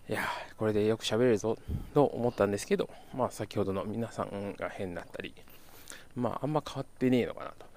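A young man from Kyoto, Japan, hosts a casual solo podcast in a fairly low voice with a slight Kansai intonation. He rambles as he talks, correcting himself and chuckling along the way.

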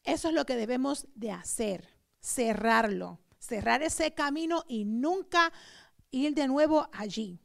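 A woman pastor preaching a sermon, asking the congregation rhetorical questions and swinging between loud emphasis and soft asides. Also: high-pitched, lively intonation, a little slow, gravelly. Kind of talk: Pentecostal sermon.

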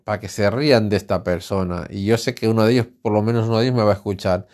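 Rambling, outspoken man from Spain, lowish voice. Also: racing, a little mellow. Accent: Spain Spanish. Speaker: podcast host. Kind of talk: casual solo podcast monologue. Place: alone at home.

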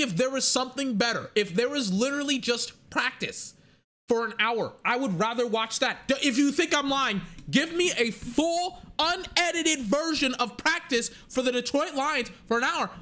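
Bright-voiced ranting angrily about sports. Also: high-pitched, animated. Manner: angry, profane, fast ranting. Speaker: sports commentator. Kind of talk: heated sports rant.

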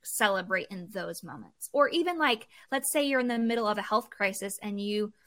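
A woman's voice: medium pitch, animated, normal speed, fairly bright tone. A woman hosting a podcast, asking long, chatty, rambling questions and giving frequent affirmations. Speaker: podcast host. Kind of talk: conversational podcast interview.

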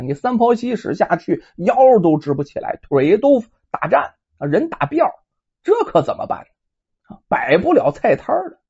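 A woman's voice: medium pitch, dark tone, slightly rough. A woman telling a folk tale in a chatty, colloquial way, full of asides and rhetorical questions. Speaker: storyteller. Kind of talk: colloquial oral storytelling. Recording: dull lo-fi recording.

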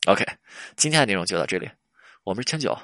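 A man's voice: lowish voice, lively intonation, fast talker, bright, forceful tone, no room sound, studio quality. A man hosting a casual relationship advice talk, chatty and full of rhetorical questions. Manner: chatty, laughs at his own stories, rhetorical questions.

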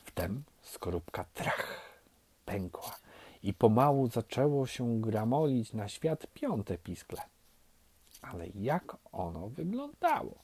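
A man telling a fairy tale in a gentle, expressive way. His voice is mellow and soft. The pitch rises and falls with lively movement. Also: slow pace, slightly rough, no room sound. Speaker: storyteller.

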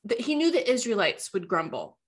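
A woman's voice: fairly high pitch, huge pitch swings, fairly quick. Affirming woman podcast host. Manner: warm affirming listener, gets emotional, stumbles over words. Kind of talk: casual faith conversation.

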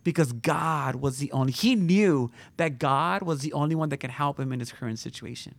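Gravelly-voiced man preaching a casual sermon. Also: a little high, moderate pace, no room sound. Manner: informal preaching with rhetorical questions. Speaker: pastor. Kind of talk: conversational sermon with scripture reading and prayer.

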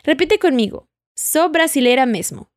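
A Portuguese teacher, a woman with a slightly high voice, runs an audio language lesson, patiently asking the listener to repeat after her. Her delivery is expressive and at a normal speed. The recording is close and dry, with no room sound at all.

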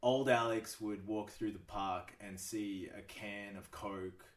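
Low-voiced dude chatting casually, swears a ton, laughs a bunch, sounds kinda far off in an echoey room. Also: male voice, fairly even intonation, slow. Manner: laid-back, swears a lot, laughs often. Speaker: podcast guest. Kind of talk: casual chat.

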